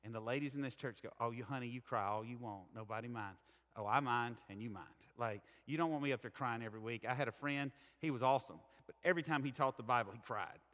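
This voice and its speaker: A man's voice: medium pitch, fast, a bit bright. A middle-aged man with a Southern American accent, preaching a sermon in a conversational, candid and earnest way. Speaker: pastor. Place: church sanctuary. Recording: echoey church hall.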